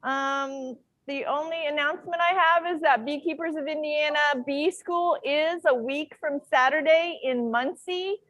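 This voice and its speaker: A woman leading a club meeting and giving announcements in a loud, projected voice, picked up by a laptop microphone. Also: sits high, a little slow, few pauses, dry recording.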